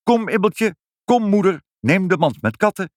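A matter-of-fact father from a children's story, voiced by a man reading aloud. He speaks calmly and simply, soothing others. The sound is dry and close. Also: high-pitched, normal speed, dry recording, voice pushed up. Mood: brisk. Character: calm, plain-spoken father in a storybook.

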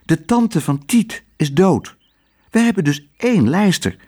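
A calm, plucky little girl speaks in a raised, gentle voice, as a man puts her on. She talks earnestly and steadily, with a husky grain to the tone, in a lively storybook reading. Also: high-pitched, measured pace, voice pushed up, exaggerated voice.

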